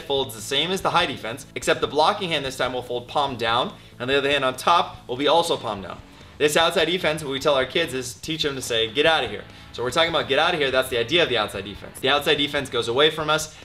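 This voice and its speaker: A man's voice: medium pitch, pushed and bright. A man in his thirties, a martial arts instructor, giving step-by-step instructions while demonstrating blocks. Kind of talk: technique demonstration. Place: martial arts studio, indoors.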